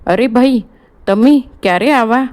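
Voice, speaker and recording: A woman's voice: fairly high pitch, measured pace, darkish tone, pitched above the performer's own voice, lightly acted. A woman voicing a jovial, chatty older male surgeon with a Gujarati accent, mixing in English phrases, in an audiobook play reading.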